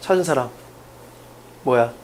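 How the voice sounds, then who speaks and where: A man teaching an exam-prep English class, firing quick questions at students and stressing key points. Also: mid-range voice, a little mellow, slight background noise. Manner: drills students with rapid questions, emphatic.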